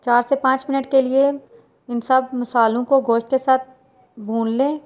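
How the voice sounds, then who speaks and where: A woman, talking viewers through a recipe step by step in a plain, unhurried voice-over. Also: high-pitched, flat delivery, a little mellow. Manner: plain instructional, unhurried with small restarts. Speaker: cooking channel host.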